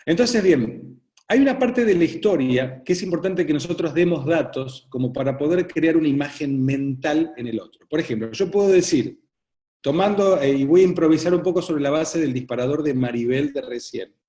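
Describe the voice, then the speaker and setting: High-pitched Rioplatense man teaching, roomy echo. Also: animated, moderate pace, dark tone. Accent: Rioplatense Spanish. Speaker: workshop facilitator. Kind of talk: interactive online teaching. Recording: roomy echo on online call.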